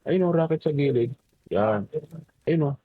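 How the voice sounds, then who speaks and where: A young man giving quick directions to a teammate during a co-op game. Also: on the high side, expressive, phone-quality sound. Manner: quick, directive, coaching the other player. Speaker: gaming partner. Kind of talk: casual co-op gameplay chat.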